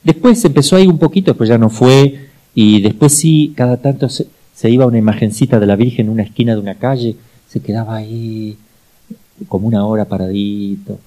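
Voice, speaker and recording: Middle-aged Argentine male priest, mellow timbre, lively storyteller who repeats for emphasis. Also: medium pitch, brisk, poor audio. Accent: Argentine Spanish. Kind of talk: teaching talk with personal anecdotes.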